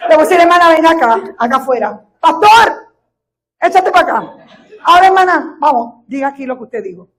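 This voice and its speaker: Woman pastor, Puerto Rican Spanish accent, high-pitched, middle-aged, sermon testimony, rises to shouting. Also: expressive, brisk. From Puerto Rico. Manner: storytelling testimony that builds to fervent shouting.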